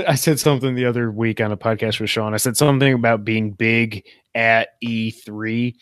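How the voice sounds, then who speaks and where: A man's voice: mid-range voice, fast talker, dry recording, clean studio sound. A man hosting a gaming podcast, plugging links in an upbeat way while losing his voice. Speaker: podcast host. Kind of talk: casual podcast sign-off.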